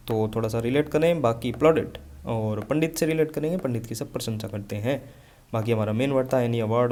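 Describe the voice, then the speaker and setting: Young guy teaching vocab, warm low-key tone, reads english definitions slow. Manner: mixes Hindi with slow, carefully read English definitions. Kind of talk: online lesson with memory tricks.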